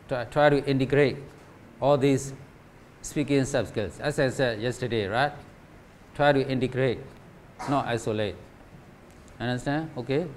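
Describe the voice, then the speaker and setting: Male teacher trainer from Myanmar, measured deliberate delivery, constant rhetorical check-ins, faint hiss behind. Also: medium pitch. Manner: rhetorical questions, repeats "right?" and "okay?". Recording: faint background noise.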